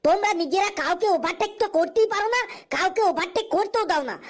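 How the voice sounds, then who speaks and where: Lady doing a super high-pitched angry guy, yells and scolds, cartoon skit. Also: quick pace. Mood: ranting. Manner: shouty, scolding, repetitive ranting. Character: hot-tempered man ranting at rickshaw drivers. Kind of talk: comic cartoon dub.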